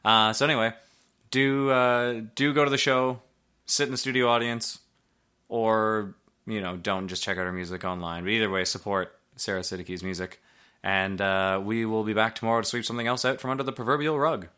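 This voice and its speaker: A male podcast host with a fairly low but bright, clear voice talks in loose, casual chat. His delivery rambles, full of fillers and offhand swearing. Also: fairly even intonation, a little fast.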